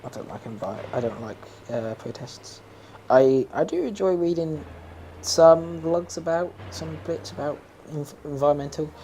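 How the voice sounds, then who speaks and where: A man's voice: on the high side, a little slow, warm tone, slight background noise. A young man chatting casually while playing a game, rambling, opinionated and laughing often. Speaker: gaming streamer.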